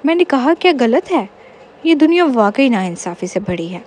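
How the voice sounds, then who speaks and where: A woman's voice: a little high, big pitch swings, a little mellow, a little hiss or hum. A woman voicing a cheeky, self-pitying young man in a storybook reading. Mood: teasing. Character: cheeky lonely young man, whiny joker.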